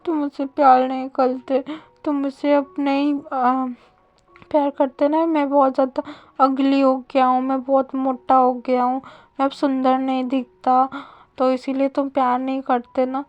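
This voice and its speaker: A high, whiny young husband, clingy and quick to sulk, pleading in a tearful storybook voice, as a woman narrator puts him on. The sound is dull and dry, with faint music underneath. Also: level tone, no room sound.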